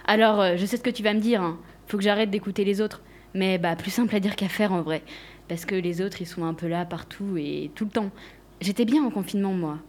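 A woman's voice: medium pitch, fairly quick, darkish tone. A young woman, a radio columnist, leaving a hesitant, self-mocking voicemail in a comic scripted monologue full of fillers.

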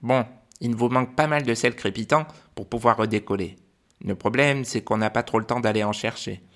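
A man's voice: medium pitch, a bit bright, natural voice. A man voicing a busy, fretful chief elf who explains things in a rush, in a children's story. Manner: brisk, hurried explanations.

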